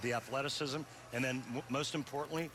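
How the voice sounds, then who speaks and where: A man's voice: mid-range voice, fairly even intonation, fast talker, background noise. A man giving color commentary on a televised bowling match, chatty and analytical about technique. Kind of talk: sports broadcast commentary.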